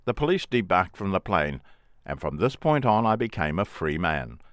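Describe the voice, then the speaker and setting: Low-voiced man telling his story. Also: sing-song, moderate pace, no room sound, studio quality. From England. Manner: plain, wry first-person storytelling. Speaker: memoir author and narrator. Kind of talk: reading a memoir aloud.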